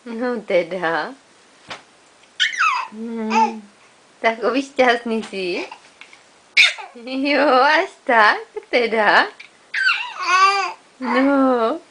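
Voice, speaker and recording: A woman's voice: fairly high pitch, pauses often, background noise. A woman talking baby talk to an infant, coaxing him with sing-song questions.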